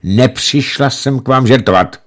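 A man voicing a thin, strict older female nurse who talks with a dignified croak. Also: mid-range voice, voice pushed up, close to an everyday voice. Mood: stern.

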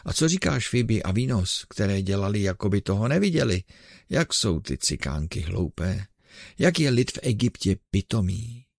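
A man voicing an eccentric old male showman in an audiobook, loudly ordering people about. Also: on the low side, big pitch swings, creaky, dry recording, clean studio sound, heavily acted. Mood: bossy. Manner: exclaiming, bossing others about. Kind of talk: audiobook character reading.

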